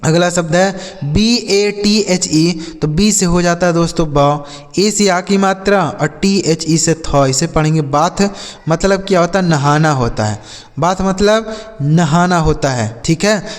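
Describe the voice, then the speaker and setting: A man teaches English words at a slow, careful pace, spelling each one out letter by letter. His voice sits somewhat high. A long reverb trails behind him. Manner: spells words letter by letter, repeats example sentences slowly. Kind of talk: slow spelling and vocabulary lesson.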